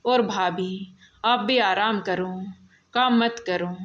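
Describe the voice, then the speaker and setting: A woman voicing a kind, protective young man who asks worried questions, in a slow storybook telling. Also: mid-range voice, dull audio, natural voice. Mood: caring. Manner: concerned, questioning.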